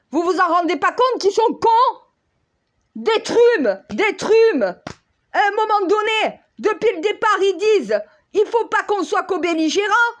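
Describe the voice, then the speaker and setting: A woman in an exasperated, agitated monologue, scolding leaders and calling on God, her voice worn hoarse. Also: very high voice. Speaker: self-styled spiritual counselor. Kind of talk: ranting monologue video.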